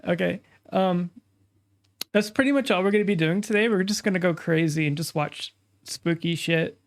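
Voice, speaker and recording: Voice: medium pitch, normal speed. A streamer hosting a casual live reaction, talking with a stuffy nasal sound, as if pinching the nose. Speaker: streamer and host.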